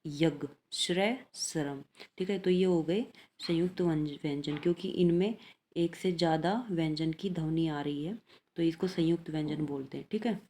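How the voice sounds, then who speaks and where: A woman's voice: low-pitched, normal speed, dark tone. A woman teaching an elementary language lesson, patiently reading out letters and exercises and checking in after each point.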